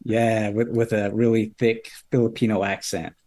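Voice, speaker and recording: A man co-hosting a casual podcast livestream, relaxed and a bit halting as he talks. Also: on the low side. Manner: laid-back, halting. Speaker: podcast co-host.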